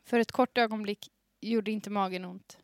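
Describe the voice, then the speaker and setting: A woman's voice: mid-range voice, steady tone, dry recording. Woman giggling through an old story. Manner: reads with suppressed giggles. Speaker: podcast host. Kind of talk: reading aloud her old teenage story. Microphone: studio microphone with headphones.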